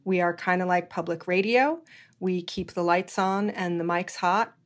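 A middle-aged woman from Hawaii hosts a food-industry podcast in a lowish voice at a moderate pace. Her speech is full of fillers and restarts as she moves between a conversational interview and a read ad.

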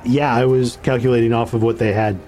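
A man's voice: mid-range voice, little pitch movement, fairly quick, dark tone, faint music behind. A man acting as game master, casually narrating and adjudicating a tabletop game.

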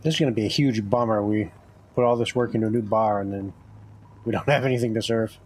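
Husky male player, dry joking delivery. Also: on the low side, fairly even intonation, quick pace. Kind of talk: casual tabletop game play.

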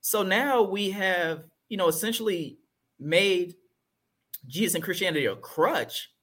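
A man's voice: sits high, measured pace, bright, forceful tone. A man talking earnestly and emphatically about faith and the church in a casual discussion.

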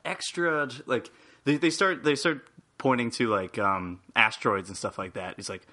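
Bright-voiced man, laughs easily. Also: on the low side, animated, moderate pace. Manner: laughs easily, stumbling restarts. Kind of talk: casual chat.

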